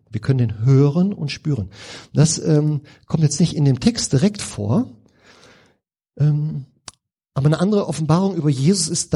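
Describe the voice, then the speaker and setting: A man's voice: on the high side, mellow, slightly rough. A middle-aged man preaching a sermon in a conversational, informal way, with rhetorical questions and frequent restarts.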